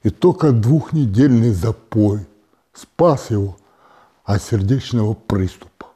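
A man telling comic jokes in a deadpan way, jumping to high shouted punchlines. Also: takes it slowly, breathy edge. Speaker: joke teller.

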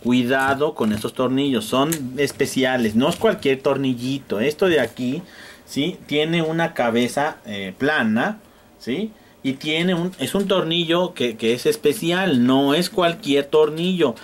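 A Mexican-accented instructor walks his students through electronics repair with hands-on demonstrations, cracking jokes and playing the part of annoyed customers. He speaks unhurriedly in a mid-range voice, and there's a little hiss or hum in the recording.

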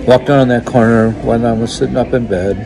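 An older man recounting a story to his phone camera, halting and reflective, with many pauses and fillers. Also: mid-range voice, steady tone, creaky, crowd noise. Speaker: vlogger. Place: indoors in a wood-panelled restaurant or bar. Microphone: phone held close, selfie framing.

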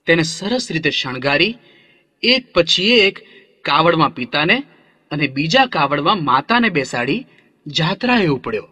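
A man narrating a children's story gently, now and then asking the young listeners questions. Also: on the high side, sing-song, unhurried, slightly rough. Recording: long reverb hall.

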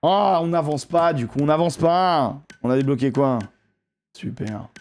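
A man hosts a gaming video with live commentary on his own play, speaking straight to his viewers. He's excitable, swears often, and keeps repeating exclamations. His voice is a little high and his pace is measured.

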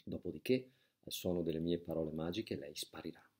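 A man voicing an excitable boy who plays a showy stage magician, announcing everything with theatrical flair. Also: deep voice, a little fast, slightly rough. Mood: showy, excited.

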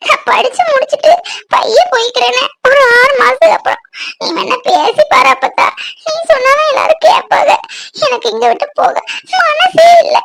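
A woman's voice: extremely high pitch, moderate pace, vocal fry, a bit bright, a little hiss or hum, exaggerated voice. A woman voicing a heartbroken young bride in a cartoon, wailing and sobbing as she talks. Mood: pleading. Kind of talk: cartoon voice acting.

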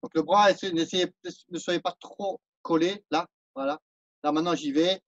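A French-accented man leads a martial arts class, counting out and explaining each move as he demonstrates it. His voice sits high. The sound is dry and slightly dull, like a lo-fi recording. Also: moderate pace, vocal fry, dry recording. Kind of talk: live online class instruction.

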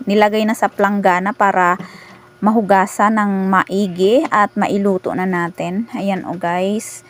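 A woman's voice: mid-range voice, darkish tone, slight background noise. A woman with a Filipino accent narrating a casual outdoor cooking vlog, chatty and upbeat, often calling the viewers guys. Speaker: cooking vlogger. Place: outdoor home kitchen with wood fire.

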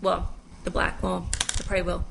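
Chatty woman with a creaky voice. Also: on the low side, monotone, a little fast, noisy background. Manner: chatty, rambling, self-deprecating asides. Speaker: makeup vlogger. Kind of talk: casual makeup tutorial. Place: at home.

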